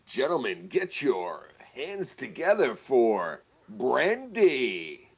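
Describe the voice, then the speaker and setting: A man's voice: medium pitch, wildly swooping pitch, extremely slow, breathy edge. A man in his forties, bantering and joking in a casual chat. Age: 40s.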